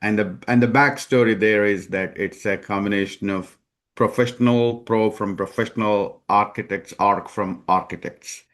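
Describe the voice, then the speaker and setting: A man being interviewed as a company founder, speaking in a measured way with many hesitations. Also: fairly low pitch, steady tone, a bit bright. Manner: measured, many ums and uhs. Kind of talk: conversational interview.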